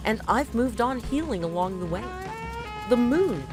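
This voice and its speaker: Over background music, a female host slowly and deliberately performs a poem and offers literary commentary on it. Her higher-pitched delivery is theatrical, grandiose, and expressive.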